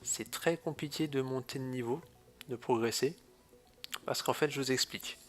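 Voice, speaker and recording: Man, head cold, congested, casual gaming commentary, hesitant, lots of fillers, mid pitch. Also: soft background music. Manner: hesitant, fills pauses with "euh". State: stuffy nose from a cold. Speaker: gaming video host. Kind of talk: casual mobile game walkthrough. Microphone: phone or tablet screen recording.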